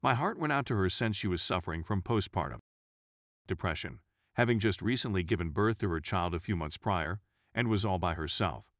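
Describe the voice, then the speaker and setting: A man reading out a first-person forum story as scripted narration, at an even reading pace. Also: sits low, fairly quick, no room sound, clean studio sound.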